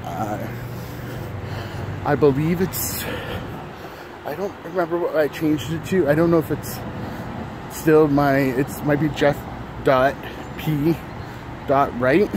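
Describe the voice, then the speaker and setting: A man in his thirties chatting casually while walking, a bit out of breath, rambling with many fillers and restarts. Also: a little high. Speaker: vlogger. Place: city street outdoors in early morning. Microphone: phone held at arm's length. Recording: phone audio with street noise. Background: traffic and city noise.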